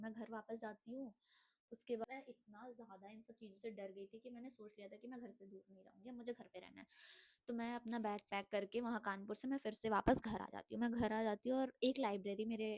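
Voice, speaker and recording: A woman's voice: mid-range voice, mellow. A young woman with a cough telling her own life story in an earnest vlog monologue, mixing Hindi with English phrases. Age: young adult. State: unwell, coughing.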